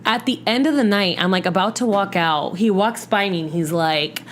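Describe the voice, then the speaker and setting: A woman telling a casual dating story on a podcast, animated, acting out quotes and saying "like" a lot. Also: mid-range voice, normal speed, slight background noise. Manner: animated, acts out quotes, lots of "like". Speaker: podcast guest. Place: podcast studio.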